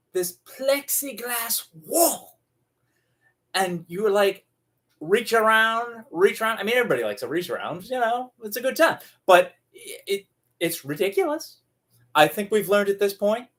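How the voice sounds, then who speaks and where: Man, tarot video host, theatrical sarcastic monologue, very animated pitch, loud and hushed swings.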